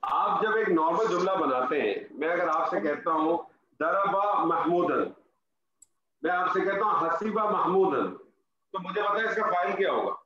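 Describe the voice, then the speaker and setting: A man's voice: high-pitched, pushed and bright. A male Arabic grammar teacher giving an online class, patiently drilling students with repeated example sentences. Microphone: online call audio. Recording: dull roomy call audio with faint noise.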